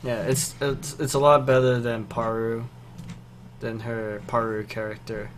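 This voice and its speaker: A man's voice: mid-range voice, little pitch movement, measured pace, slight background noise. Laid-back joking podcast guy. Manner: laid-back, joking, trails off mid-sentence. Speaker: podcast co-host. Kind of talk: casual chat.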